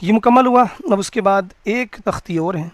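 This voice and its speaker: Male teacher, high voice, dry close sound, reads words slowly then explains. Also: no room sound. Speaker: religious studies teacher. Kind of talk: lecture teaching vocabulary.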